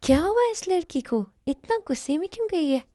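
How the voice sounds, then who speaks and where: A woman's voice: extremely high pitch, big pitch swings, a little fast, warm tone, dry recording, clean studio sound. A woman voicing a worried mother in a fan dub drama, asking anxious questions.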